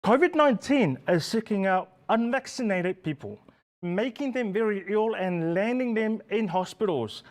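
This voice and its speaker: A man's voice: sits high, lively intonation, normal speed. A man hosting a community health talk show, giving formal, welcoming introductions with a New Zealand Pacific accent. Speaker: host.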